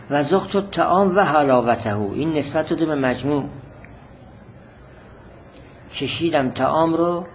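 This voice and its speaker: A man's voice: mid-range voice, slight background noise, rough recording. A man teaching a religious-philosophy text lesson, reading Arabic phrases and explaining them patiently, often repeating definitions.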